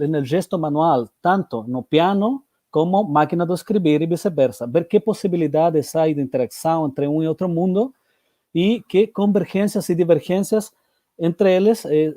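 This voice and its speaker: A man from Chile, a native Spanish speaker, gives a seminar presentation in halting portunhol, Portuguese with a Spanish accent and Spanish words mixed in. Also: a little high, mellow, dry recording, clean studio sound. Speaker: academic presenter.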